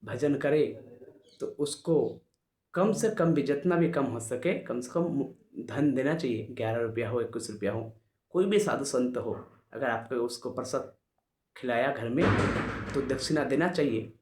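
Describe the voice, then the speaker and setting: A patient old guru teaches his hosts calmly and politely, played by a male storyteller. His words echo in a roomy space. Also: medium pitch, a little slow, close to an everyday voice. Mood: instructive. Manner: calm, instructive.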